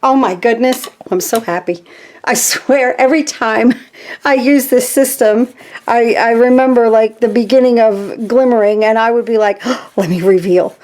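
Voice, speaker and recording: A woman hosting a casual craft tutorial from her home craft room, chatting to viewers and getting excited as she works. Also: on the high side, normal speed. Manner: chatty and easily excited, talks to viewers while working. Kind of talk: casual step-by-step craft demonstration.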